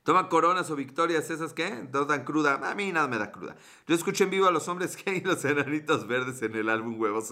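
Bright-voiced Mexican man chatting on a livestream. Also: mid-range voice. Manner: loose and profane, joking with viewers. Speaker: livestream host. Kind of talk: casual livestream chat reading viewer comments.

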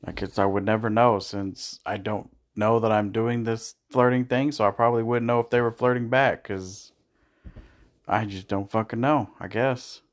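A man's voice: fairly low pitch, flat delivery, normal speed. Sarcastic man on a couples podcast. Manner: sarcastic, curses casually. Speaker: podcast co-host. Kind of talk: casual couple chat.

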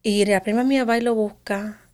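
A woman's voice: mid-range voice, steady tone, a little fast, a little mellow. Woman recounting a painful story. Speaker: interview guest. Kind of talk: emotional personal testimony.

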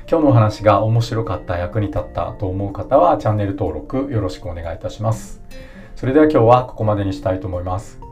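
A man hosting a solo podcast, explaining his points one by one in a calm, polite way. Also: lowish voice. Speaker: podcast host.

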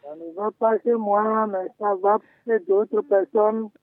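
A man calling in to a radio show by phone, slow and repetitive as he voices plaintive complaints. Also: high-pitched, fairly even intonation, no room sound. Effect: phone call line. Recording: tinny phone line.

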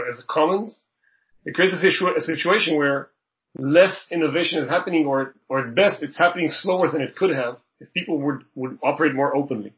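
A man from Israel with a slightly high voice explains his startup in an interview. He talks earnestly and keeps circling back, repeating words as he restarts his phrases. The audio is dull and lo-fi. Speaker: startup co-founder and CEO. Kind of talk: interview answers.

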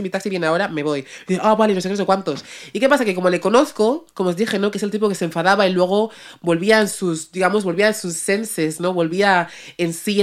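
A woman podcast host casually telling a personal story, chatty and slangy, dropping in English words. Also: mid-range voice.

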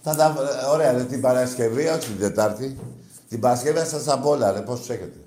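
A male call-in show host with a middling voice who talks fans down with crude, taunting banter. He flares into loud, shouted bursts between stretches of gruff muttering. The studio sound is roomy and echoing. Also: mid-range voice, slight background noise. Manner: brash, crude and mocking, with sudden shouting bursts. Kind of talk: rowdy sports call-in banter. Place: radio studio.

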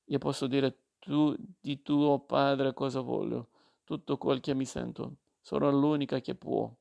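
A man's voice: medium pitch, flat delivery, measured pace, creaky, a little mellow, dull audio. Man voicing a scornful proud older mother. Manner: scornful, defiant.

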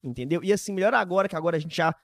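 A man in his early twenties with a Brazilian Portuguese accent, hosting a podcast in casual, animated, slangy chat. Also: high-pitched, very fast, creaky, no room sound, studio quality. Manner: animated, informal, heavy use of slang. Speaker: podcast host.

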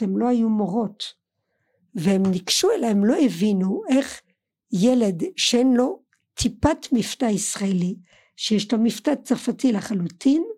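A woman's voice: a little high, warm tone. A middle-aged woman whose native language is French, casually recalling family life as a guest in conversation. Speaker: guest, mother of the host.

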